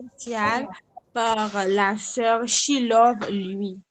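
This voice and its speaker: A woman moderating a prayer service, announcing the next speakers in a halting way. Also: a little high, steady tone.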